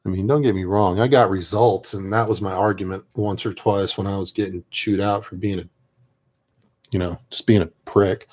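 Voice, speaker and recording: Low-pitched and fairly even, the man's voice moves at a moderate pace as he paints miniatures. He's an army veteran who chats in a rambling, soft-spoken, reflective way, trailing off at times.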